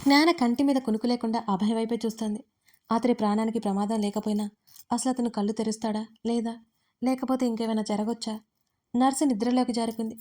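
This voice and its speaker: A woman narrating an audio story with a steady, expressive reading. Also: a little high.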